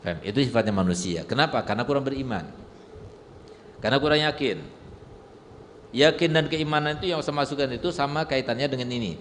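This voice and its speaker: A male preacher delivers a humorous sermon, teasing his listeners with rhetorical questions and stories. His medium-pitched voice rings through a large hall with long reverb. A faint background noise runs underneath. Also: quick pace, long pauses, a bit bright. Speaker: Islamic preacher. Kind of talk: sermon with storytelling.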